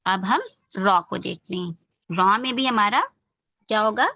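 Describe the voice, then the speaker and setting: A woman's voice: medium pitch, unhurried, pushed and bright, no room sound. Woman teaching kids on a dry call. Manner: patient, checks understanding often. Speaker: online Quran recitation teacher. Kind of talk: online class explanation to children.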